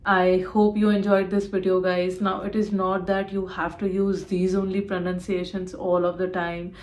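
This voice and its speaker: A young woman presents a pronunciation tutorial on her channel. She explains patiently and repeats each word slowly. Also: lowish voice, flat delivery, darkish tone. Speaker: YouTube creator.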